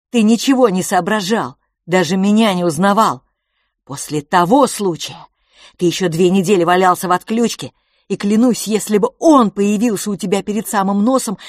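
A woman voicing an impassioned young boy, a dreamer quick to anger, pleading near tears in an audiobook. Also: mid-range voice, darkish tone, no room sound, studio quality, lightly acted. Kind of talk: audiobook character voice.

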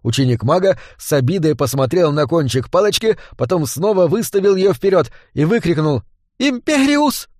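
A man's voice: fairly high pitch, animated, brisk, hardly any pauses, darkish tone, no room sound. Man narrating an audiobook, dry close.

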